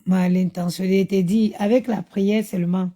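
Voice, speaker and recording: A woman's voice: medium pitch, fairly even intonation, normal speed, warm tone. A tired woman chatting to her viewers on a phone live stream, talking about motherhood and her online group. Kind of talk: casual live-stream chat.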